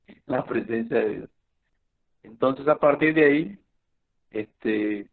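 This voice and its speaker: Man telling his story over a tinny line. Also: medium pitch. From Colombia. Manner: storytelling, halting with many fillers and restarts. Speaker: speaker giving a personal testimony. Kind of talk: spoken testimony to a youth meeting. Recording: tinny phone-like recording.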